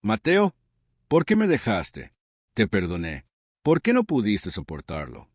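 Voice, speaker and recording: A man's voice: very animated, a little slow, dry recording, studio quality. A man doing a crying heartbroken little girl. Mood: desperate. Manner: high desperate crying cries.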